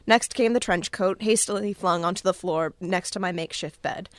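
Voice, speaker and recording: A woman playing a wry, weary film-noir detective who narrates in a deadpan voice. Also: lowish voice, moderate pace, dry recording, close to an everyday voice.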